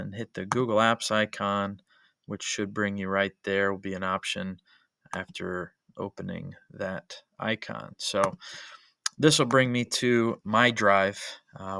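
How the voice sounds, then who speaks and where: Male teacher, screen-recording voice-over, bright, close and dry, methodical with fillers. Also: fairly low pitch, gravelly, clean tone, no echo. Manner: methodical step-by-step explaining, frequent uh and um fillers. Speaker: history teacher. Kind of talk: screencast tutorial narration.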